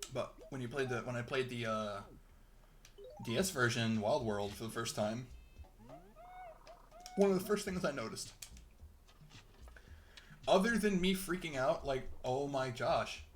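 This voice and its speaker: A man's voice: mid-range voice, expressive, unhurried, long pauses, a little hiss or hum. A young man giving rambling, chatty let's-play commentary while he plays, chuckling often. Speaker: gameplay commentator.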